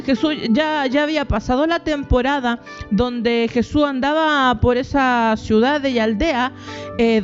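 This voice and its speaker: Woman pastor, devotional sermon. High-pitched, halting delivery with repeated words, rising to cries on pleas. Dull lo-fi recording, soft music bed. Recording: dull lo-fi audio, faint music.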